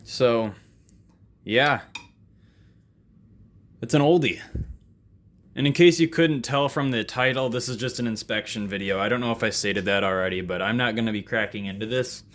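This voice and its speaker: The host of an electronics repair vlog speaks at normal speed with a medium-pitched, fairly bright voice, pausing often. Working in his basement workspace, he offers rambling, self-deprecating, unscripted hands-on commentary in a casual way.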